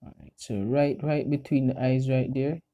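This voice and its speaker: Very dark, mellow Jamaican man. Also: mid-range voice, normal speed, dull audio. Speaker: friend doing a makeup voice-over. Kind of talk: casual step-by-step commentary.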